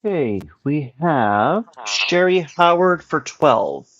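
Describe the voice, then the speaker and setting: A man's voice: fairly high pitch, lively intonation, takes it slowly, a bit bright. A man co-hosting a live online auction in casual, brief remarks, his voice hollow and tunnel-like from a glitchy broadcast feed. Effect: hollow, tunnel-like sound from a glitchy broadcast feed. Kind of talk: casual live-stream chat. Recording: dull, muffled stream audio.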